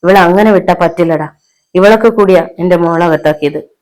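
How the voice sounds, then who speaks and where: A woman voicing a spiteful, scheming older mother-in-law in a storybook reading, with a shrill, scolding manner. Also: fairly quick, darkish tone, lightly acted, low-quality recording.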